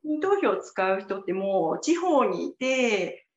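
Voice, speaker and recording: A woman speaks as an interview guest, explaining her points calmly with plenty of fillers. Her voice comes through a remote call that sounds roomy and dull. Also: mid-range voice. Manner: measured, explanatory, frequent fillers. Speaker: guest campaigner. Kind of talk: casual interview chat.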